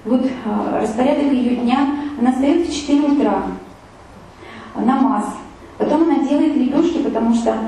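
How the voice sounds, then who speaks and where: A woman gives a casual travel talk with photos to a live audience, recounting her trip in a loose, rambling, chatty way full of fillers and restarts. Her voice is mellow and fairly high. Recorded from a distance, she sounds set back from the mic in a very echoey room with a faint hiss.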